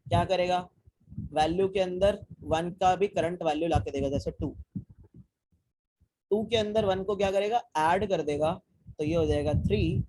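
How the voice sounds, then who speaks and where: A man's voice: high voice, a little slow, pauses often, mellow, rough recording. A young man teaching a live online coding class, talking students through code step by step, asking them questions and mixing English technical terms into casual Hindi. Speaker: programming teacher.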